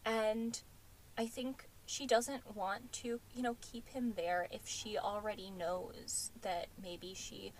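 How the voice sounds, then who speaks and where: A woman's voice: medium pitch, fairly even intonation, takes it slowly, a little hiss or hum, poor audio. A woman co-hosting a podcast, recapping a reality dating show in casual chat full of fillers. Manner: chatty, many fillers like "um" and "like". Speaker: podcast co-host.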